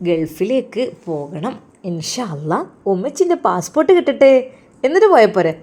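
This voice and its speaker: A woman voicing a gentle young father who soothes his children with soft reassurance, in a Malappuram accent. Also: mid-range voice, big pitch swings, moderate pace, lightly acted. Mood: cheerful. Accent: Malappuram Malayalam.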